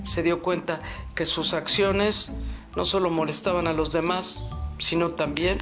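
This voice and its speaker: A woman narrates a children's folk tale as a storyteller. Music plays clearly behind her. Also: on the low side, steady tone, unhurried.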